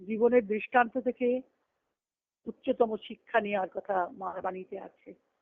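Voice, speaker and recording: This spiritual teacher has a gravelly, medium-pitched voice and keeps a measured pace with no room sound. She gives a devotional scripture discourse through a conference call line, explaining each phrase with repetition, captured as muffled lo-fi phone audio.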